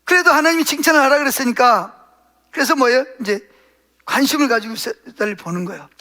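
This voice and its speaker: A male pastor preaching a sermon, putting questions to the congregation and answering them himself, and acting out quoted prayers in a softer voice. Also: very high voice, fast talker.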